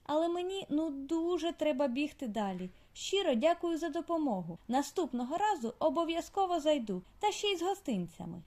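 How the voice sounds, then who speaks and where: An earnest, polite young squirrel boy with a worried, pleading tone, as a woman storyteller voices him. His voice is raised and lively, like a children's audiobook hero. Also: high-pitched, fairly quick, hardly any pauses, pitched above the performer's own voice. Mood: grateful. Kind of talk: audiobook character voice.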